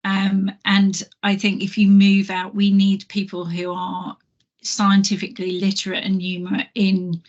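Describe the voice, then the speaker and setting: A woman's voice: medium pitch, monotone, a little slow. Earnest woman, lo-fi podcast audio. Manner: thoughtful, earnest, many fillers and restarts. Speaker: panel guest, physics alumna. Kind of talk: panel discussion.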